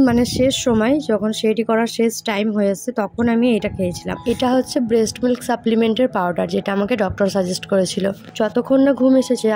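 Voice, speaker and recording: A young woman narrates her daily vlog in a chatty, easygoing voice-over. She speaks straight to her viewers as a young mother. Her voice is mellow and warm, at a middling pitch.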